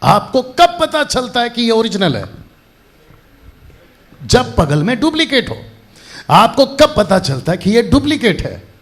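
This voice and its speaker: Animated preacher man, lively pitch. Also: unhurried, pauses often. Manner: animated, asks the crowd questions and repeats phrases for emphasis. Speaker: pastor. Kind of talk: lively sermon to a live congregation. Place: church hall with audience.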